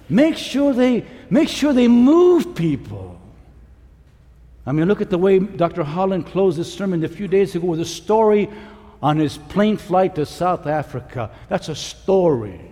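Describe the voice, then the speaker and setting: A man preaching a conference sermon, swinging between shouts and hushed pleading. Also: high voice. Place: conference hall. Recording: large hall with long reverb.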